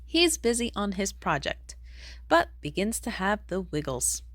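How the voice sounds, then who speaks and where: A woman reads a rhyming picture book aloud for young children, taking her time and sounding expressive as her pitch swings widely. The recording is dry, with no room sound.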